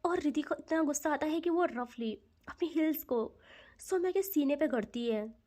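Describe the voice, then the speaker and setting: A woman narrating a romantic audio story in a soft, emotional, dramatic manner. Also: high-pitched, lively intonation, normal speed.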